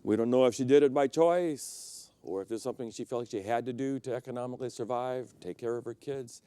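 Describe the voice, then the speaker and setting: Speaking a little fast, a middle-aged pastor preaches a sermon built on personal stories, his smooth, resonant voice climbing to loud emphatic peaks and falling into hushed low stretches. The recording is dry, with no room sound.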